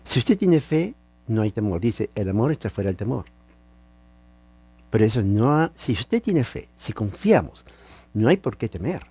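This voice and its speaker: A man's voice: lowish voice, big pitch swings, moderate pace, pauses often, warm tone, slightly rough. A man preaching a sermon, teaching with emphasis and asking rhetorical questions. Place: lives in California.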